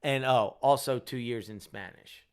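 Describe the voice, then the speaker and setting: A man's voice: mid-range voice, unhurried, smooth. A tired young man with a Delco accent, chatting casually with viewers as a show host, rambling and joking about himself. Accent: Delco, Delaware County, Pennsylvania. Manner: rambling, self-deprecating, joking. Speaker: rideshare driver and channel host. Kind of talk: casual chat with live viewers.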